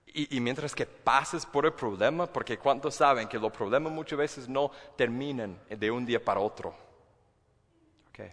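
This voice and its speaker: A man preaching a sermon as pastor, animated, acting out inner voices and repeating words as he builds his point. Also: mid-range voice, moderate pace, big-room sound.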